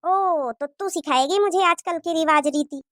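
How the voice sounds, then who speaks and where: A woman's voice: very high-pitched, measured pace, a bit bright, no room sound, clean studio sound. Woman doing a nagging old mother-in-law. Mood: scolding. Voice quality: nagging, taunting.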